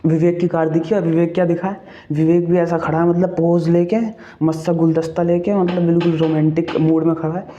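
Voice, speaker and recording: Casting: man, a bit higher-pitched, very dark mellow voice, informal ghost-story teller, lo-fi faint hiss. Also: flat delivery, fairly quick. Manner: chatty, keeps saying "ठीक है" and asking the listener questions. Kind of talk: casual retelling of a ghost story.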